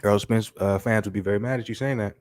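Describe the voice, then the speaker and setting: Fighting a stuffy nose, a man hosts an easygoing boxing talk show with slangy, energetic bursts of speech full of "you know what I'm saying." His voice is lowish and fast, captured in a dry, clean studio recording.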